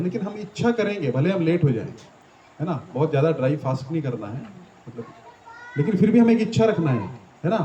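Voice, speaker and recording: A man with a fairly high but mellow voice gives a devotional talk in a small temple. He explains patiently and keeps checking with his listeners. The echoey hall and slightly dull recording carry a faint room hum behind him. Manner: explanatory, asks the audience questions, frequent "है ना" tags. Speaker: devotional teacher. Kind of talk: devotional discourse to a gathering.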